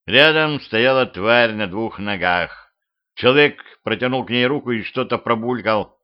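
A man's voice: mid-range voice, unhurried, clean tone. Man reading a home-made audiobook. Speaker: audiobook narrator. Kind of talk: first-person audiobook narration. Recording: muffled lo-fi home recording.

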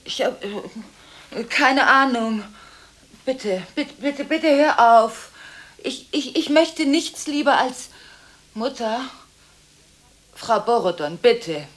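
In a 1980s German radio drama, an actress plays a distraught daughter torn by emotion during a late-night phone call. Her fairly high, expressive, bright voice sounds agitated and pleading as she halts, stammers, begs and slips into whispers. The recording is hissy.

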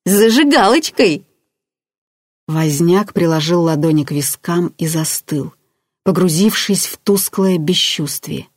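Low-voiced woman reading a novel aloud. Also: fairly even intonation, a little slow, a little mellow, no room sound, studio quality. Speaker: audiobook narrator. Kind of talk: scripted narration.

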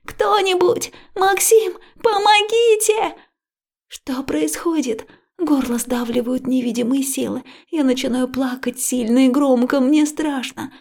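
A woman reads a first-person story in a close, emotional voice that often drops to a breathy whisper. Her tone is husky, with a gravelly fry at the ends of her phrases, and it sits a little higher than average. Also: fairly even intonation, a little slow, warm tone. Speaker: audiobook narrator. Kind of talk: first-person scripted narration.

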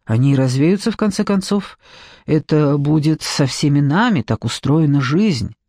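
A man reads an earnest young woman assistant, politely frank and sincere. His pitch moves lively and a little high. The sound is dry and close. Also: normal speed, no room sound. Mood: gentle. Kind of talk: audiobook character reading.

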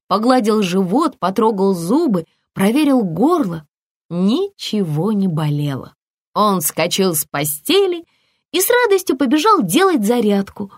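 A woman narrating a children's audiobook in an expressive storytelling manner. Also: medium pitch, a little slow, no room sound, studio quality.

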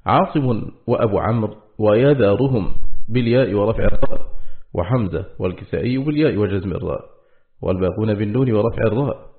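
A man reading a classical text aloud as an audiobook narrator, in a steady, formal recitation. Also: lowish voice, fast. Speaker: audiobook reader. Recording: tinny, phone-like lo-fi recording.

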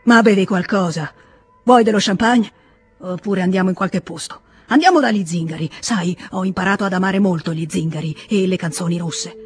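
A reader voicing a drunk, frightened, volatile grown man in an Italian audiobook reading, with excited pleading outbursts. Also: mid-range voice, moderate pace, breathy edge, faint music behind, natural voice. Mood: agitated.

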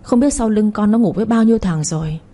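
A woman voicing a harsh, domineering older mother-in-law who shouts insults at her household. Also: medium pitch, fast talker, close to an everyday voice. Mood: scornful.

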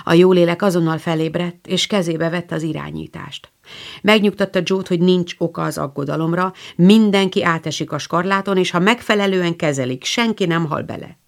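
Woman narrator, lowish gravelly voice, calm even audiobook reading. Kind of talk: scripted storybook narration.

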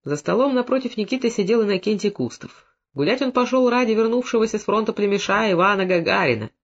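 A male narrator reads a novel with dramatic, animated storytelling. His voice sits high and swings widely, and the recording sounds dull and lo-fi. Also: quick pace. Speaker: audiobook narrator. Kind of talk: expressive literary narration.

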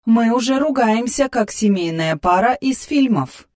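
A man's voice: extremely high pitch, expressive, unhurried, darkish tone, voice pushed up. A man voicing a sarcastic female AI who lives in a man's head, speaking in a raised, cool voice in an audiobook. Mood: teasing. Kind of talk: audiobook character voice.

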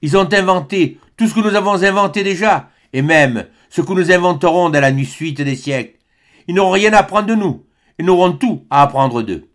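A man reading an audiobook, voicing a grave, learned male expedition leader who speaks slowly and emphatically in a raised voice. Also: sits high, close to an everyday voice. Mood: emphatic.

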